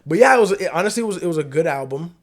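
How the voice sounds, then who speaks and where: A man's voice: on the high side, expressive, very fast. Laid-back young guy talking slang. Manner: laid-back, filler-heavy, loose slang. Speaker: podcast host. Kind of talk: casual chat.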